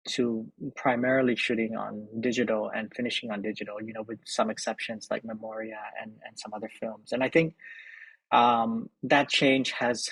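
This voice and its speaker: A middle-aged Thai man who edits and directs films answers interview questions haltingly, repeating words and using lots of fillers. His voice is lowish and husky, with no echo, and the recording is rough.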